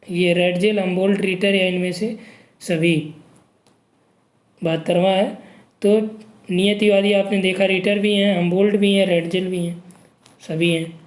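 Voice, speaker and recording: A man's voice: high voice, little pitch movement, a little slow, long pauses, roomy sound. A man teaching an exam-prep geography lesson, reading questions and options aloud and checking in with students. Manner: reads options aloud, frequent "ठीक" checks.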